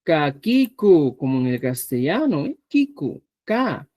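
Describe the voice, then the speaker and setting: A man from Peru teaching a live online language class, patiently repeating words slowly so students can hear the pronunciation. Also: on the high side, big pitch swings, a little mellow, dry recording. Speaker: Quechua teacher.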